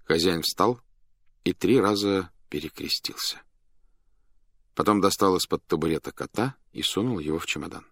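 A man reading a story aloud as narrator, in an animated, dramatic manner that speeds up and slows down. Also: low-pitched, no room sound, studio quality.

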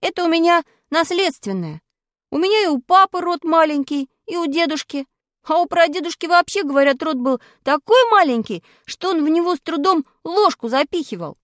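A woman's voice: extremely high pitch, animated, moderate pace, a bit bright, no echo, studio quality, voice pushed up. A woman voicing a cheeky young schoolboy in a children's story, earnestly explaining himself.

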